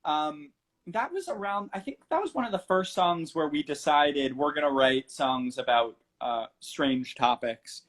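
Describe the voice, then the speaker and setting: A young man, a musician guest in a casual livestream interview, talking animatedly and acting out quotes as he goes. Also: on the high side. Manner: animated, talks fast with restarts and acted-out quotes.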